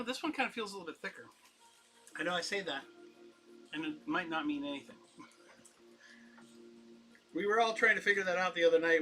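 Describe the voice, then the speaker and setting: A man's voice: a little high, pushed and bright, poor audio. A man running a casual live-stream comic auction, chatty and upbeat, rambling and laughing as he talks.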